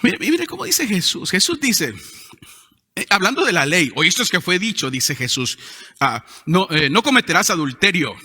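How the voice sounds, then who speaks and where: A man preaching a sermon as pastor, emphatic, with sudden rises in pitch and loudness. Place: church hall. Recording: long hall reverb.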